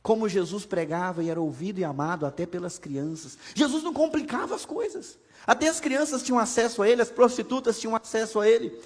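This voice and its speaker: A man's voice: high-pitched, lively intonation, fast talker. A man with a Brazilian Portuguese accent preaching a sermon as pastor, conversational and humorous, with many rhetorical questions. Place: church sanctuary. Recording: long hall reverb from a church.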